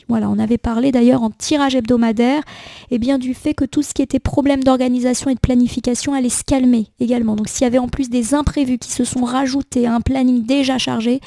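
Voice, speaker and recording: A woman with a cold gives a gentle, reassuring daily tarot reading, thinking aloud with small fillers. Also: sits high, dry recording. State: has a cold. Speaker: tarot card reader.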